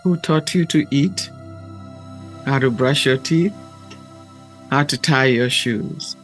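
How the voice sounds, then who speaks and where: A man with a medium-pitched voice speaks very slowly and deliberately, pausing often between short phrases. He sounds like a gentle guide leading a reflective talk or meditation, with faint music playing underneath. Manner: gentle, measured, deliberate with long pauses. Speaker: podcast host and meditation guide.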